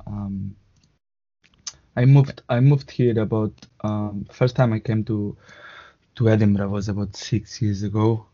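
A man with a Spanish accent, a native Catalan speaker, talks as a guest in halting phrases, restarting often and adding little tag questions. His voice is mellow and soft-edged. The sound comes through a dull, muffled video call. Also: on the low side, fairly even intonation. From Spain. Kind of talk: casual interview chat.

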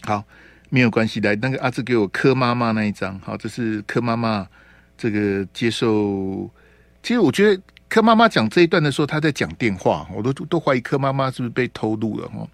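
Taiwanese man hosting radio political commentary, chatty, mid-pitched, on a dry studio mic. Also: animated, brisk, creaky, no echo. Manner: chatty, sprinkles tag particles. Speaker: radio talk show host.

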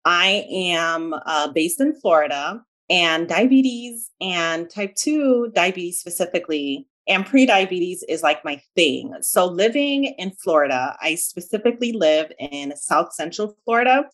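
A woman with a slight Jamaican accent and a somewhat low voice. She talks informally, as a guest in an interview would, explaining her work through personal stories and sprinkling in casual filler phrases. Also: animated, a little slow, few pauses, fairly bright tone. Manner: chatty, informal, peppered with "like" and "you know". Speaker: guest, dietitian and diabetes educator. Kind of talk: conversational interview answers, personal storytelling.

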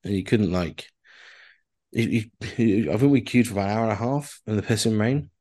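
A man's voice: lowish voice, a little fast, dark tone. A man telling a rambling story in casual podcast chat, full of fillers and swearing. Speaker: podcast co-host.

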